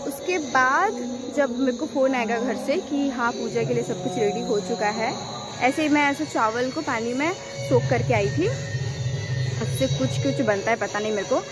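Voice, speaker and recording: A woman's voice: a little high, normal speed, loud music behind the voice. A young woman from western Odisha chatting casually in a village vlog, mixing in English words. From western Odisha, India. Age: young adult. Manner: chatty, mixes in English words, many fillers. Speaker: vlogger. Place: outdoors in a village.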